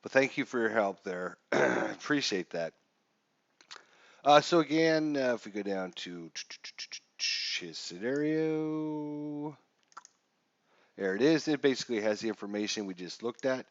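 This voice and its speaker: On a live stream, a man whose voice sounds stuffy and congested chats his way through a wargame scenario, leaning heavily on fillers. His mid-range voice is expressive and a touch slow, and the lo-fi stream audio is dull and dry, with no echo.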